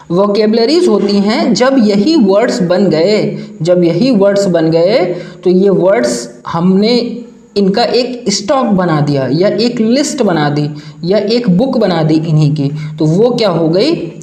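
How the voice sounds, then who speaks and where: A man's voice: sits high, darkish tone. A man with an Indian accent teaching English grammar, asking questions and answering them himself, often saying "theek hai" as he checks in. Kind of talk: classroom explanation. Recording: echoey room.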